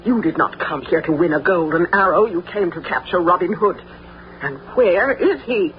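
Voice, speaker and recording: A dull, lo-fi radio drama recording features a scheming, domineering villain's sibling. The fairly high voice moves widely in pitch, conspiratorial and commanding in theatrical style. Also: male voice, animated, moderate pace, slight background noise. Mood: scornful, impatient. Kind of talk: theatrical radio adventure acting.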